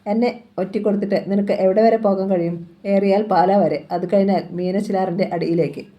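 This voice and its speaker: A woman's voice: medium pitch, fairly even intonation, fast talker, lo-fi sound, lightly acted. A woman voicing a cold, threatening male killer in a read-aloud crime novel, with a commanding, menacing delivery. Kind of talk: audiobook novel reading.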